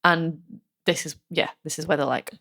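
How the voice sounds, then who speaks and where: A woman talks through a case on a casual true-crime podcast. She has a bright, forceful, fairly low voice. She speaks in loose runs full of "like" and acts out what people said. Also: steady tone, normal speed, creaky. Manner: chatty, many fillers, acts out quotes. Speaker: podcast co-host telling the case.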